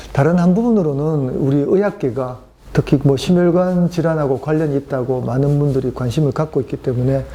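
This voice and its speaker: A man's voice: medium pitch, warm tone, slight background noise. A middle-aged man, a cardiologist, explaining stress and heart disease on a medical talk show, telling cases with many fillers.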